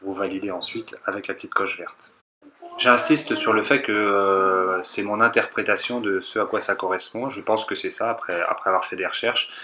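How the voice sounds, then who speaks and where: A man calmly walking viewers through a technical car procedure step by step, repeating instructions and hedging his own interpretation. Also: lowish voice, moderate pace, a little hiss or hum. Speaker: car tech tutorial maker. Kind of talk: step-by-step voice-over tutorial.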